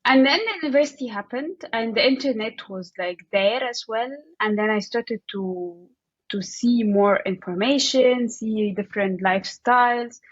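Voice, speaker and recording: Her voice is on the high side and a little rough. She's an interview guest with an Egyptian accent, conversational and halting, leaning on "like" as she gropes for words aloud, captured in muffled, slightly roomy audio.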